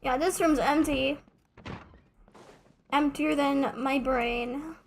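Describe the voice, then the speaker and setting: This young woman has a high, steady voice and takes things slowly, with a little hiss or hum on the recording. She chats loosely while streaming a game, wandering off topic and joking at her own expense.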